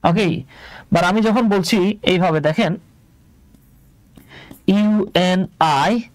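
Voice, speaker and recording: A man's voice: high voice, brisk, no echo. A Bangladeshi man teaching English in a live online class, explaining step by step and asking his students questions.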